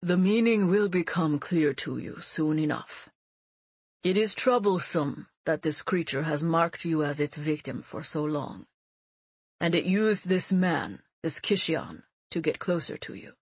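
A woman voicing a calm, wise old man. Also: low-pitched, slightly rough, no echo, exaggerated voice. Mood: gentle, reassuring. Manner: measured and reassuring. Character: elderly male leader, calm, gentle, wise.

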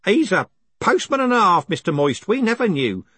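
Dude putting on a squeaky excited postman tripping over his words, husky. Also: moderate pace, dry recording, full character voice. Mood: proud. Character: eager talkative male postman, full of pride.

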